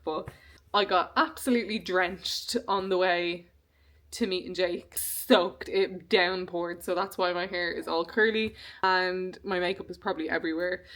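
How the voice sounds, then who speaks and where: A woman's voice: on the low side, fairly bright tone. A young woman chatting casually to camera in a vlog, rambling along with frequent ums. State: hiccuping. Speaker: beauty vlogger.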